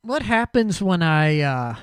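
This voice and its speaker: A man hosting a casual group voice chat, laid-back and quick to laugh, talking into a compressed desk mic. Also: on the high side, sing-song, fairly bright tone, clear, resonant tone, no echo, clean studio sound. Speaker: show host on a voice call.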